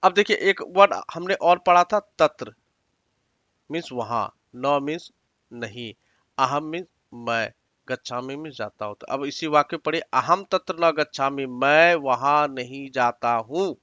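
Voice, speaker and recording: A man's voice: medium pitch, unhurried, sharp tone, dry recording, muffled recording. A man teaching a Sanskrit exam-prep lesson, patiently repeating each word and its meaning step by step and giving learners direct instructions.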